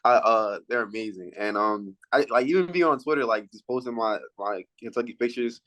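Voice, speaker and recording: A young man in his late teens, a high school athlete, answering casual interview questions in a halting way, repeating words as he thinks. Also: a bit bright, rough recording. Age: late teens, high school senior.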